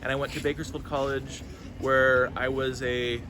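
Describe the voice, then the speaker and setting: A California farmer in his thirties answers interview questions earnestly as a guest at an outdoor farmers market, restarting often. His mid-range voice is flat at a normal speed, with street noise and traffic in the background.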